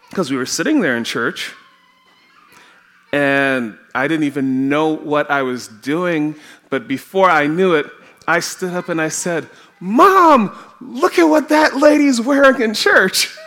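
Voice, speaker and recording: A man with a Trinidadian accent, from Trinidad, preaches in a church sanctuary using a slightly high, pushed, bright voice. He tells personal stories at a slow pace and laughs frequently along the way.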